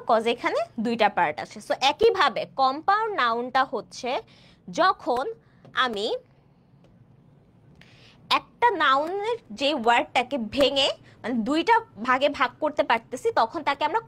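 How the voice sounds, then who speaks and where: A woman in her twenties from Bangladesh, teaching an online English grammar class and often checking that students follow, with slow, drawn-out example sentences. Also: high voice, big pitch swings, fairly bright tone. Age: 20s. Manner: keeps asking students questions to check understanding; stretches out example sentences slowly. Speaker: admission test English tutor.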